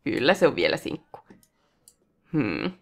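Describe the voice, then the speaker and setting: A woman with vocal fry runs a let's play, chatting easily as she plays and talking to the in-game characters. Now and then she erupts into sudden, excited high exclamations.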